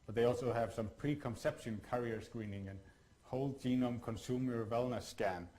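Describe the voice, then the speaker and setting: Halting Icelandic-born man lecturing. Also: mid-range voice, warm tone, low-quality recording. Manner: halting, many fillers and restarts. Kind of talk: academic workshop lecture.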